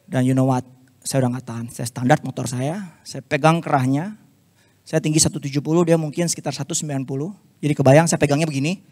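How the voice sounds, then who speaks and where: A man with a notably high voice preaches to a youth service, telling a personal story in a lively, confessional way. He sprinkles English phrases through his talk. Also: fast talker, no echo. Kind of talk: storytelling sermon.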